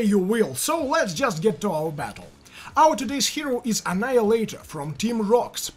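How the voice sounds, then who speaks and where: Lively Russian-accented man commentating gameplay. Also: high voice, breathy edge. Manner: playful, jokey, bursts into shouts. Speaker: game commentator.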